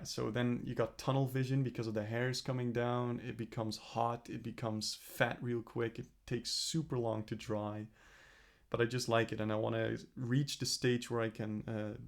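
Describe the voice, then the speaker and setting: Gravelly, flat-toned young man vlogging. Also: mid-range voice, moderate pace. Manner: rambling, self-correcting, earnest. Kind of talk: casual self-reflective vlog.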